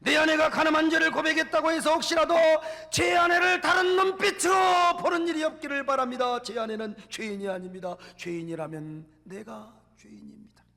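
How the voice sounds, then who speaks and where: A man acting out a husband who shouts out his own blame and repentance before the congregation. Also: fairly high pitch, completely flat delivery, quick pace, vocal fry, few pauses, pitched below the performer's own voice. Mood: impassioned. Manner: impassioned, shouting. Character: forgiving husband publicly taking the blame. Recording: long church hall reverb.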